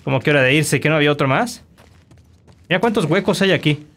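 A man commentating his own gameplay, animated and quick to shout insults at enemies. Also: fairly high pitch. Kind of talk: let's play commentary.

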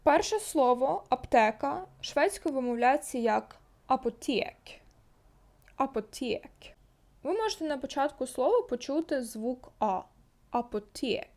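A woman teaching a beginner language lesson, saying each example word twice, slowly and carefully. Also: high-pitched, lively intonation, darkish tone. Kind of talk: slow language lesson with repeated example words.

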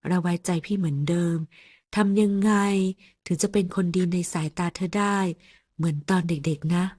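A woman voicing a teasing, possessive young male boss in an audio novel, speaking low and coaxing. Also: fairly even intonation, normal speed, a little mellow, breathy edge, no room sound, studio quality. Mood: tender.

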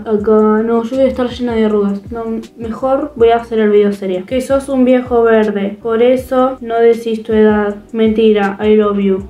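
A teenage girl with a Rioplatense Spanish accent, chatting excitedly to camera at home in a rambling, expressive way. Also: mid-range voice. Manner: excitable, rambling, fast-changing expressive delivery. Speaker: vlogger. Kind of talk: casual chat to camera. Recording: echoey room with faint music.

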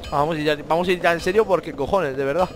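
Excitable swearing Spanish gamer man. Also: a little high, rapid-fire, over music. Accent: Spain Spanish. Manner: excitable, swears a lot, talks to the enemies. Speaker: gamer playing a video game. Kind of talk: let's-play commentary.

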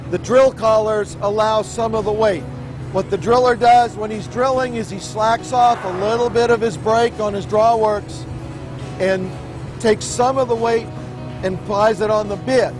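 A middle-aged man giving an informative technical explanation, as a drilling expert on a tour. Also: high-pitched.

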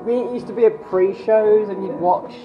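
A woman's voice: medium pitch, moderate pace. A middle-aged woman chatting casually as she comments on a walk through a cave. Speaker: vlogger. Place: inside a show cave. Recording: dull lo-fi camcorder sound, loud music. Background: music playing in the cave.

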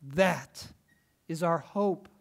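Man, pastor, sermon, church, earnest storytelling, unhurried, slightly high voice. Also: gravelly. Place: church sanctuary.

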